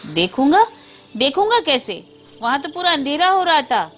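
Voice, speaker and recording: A woman's voice: sits high, very animated, moderate pace, a bit bright, faint music behind, voice pushed up. A woman voicing an exasperated grown man. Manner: exasperated, protesting. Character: irritated skeptical grown man.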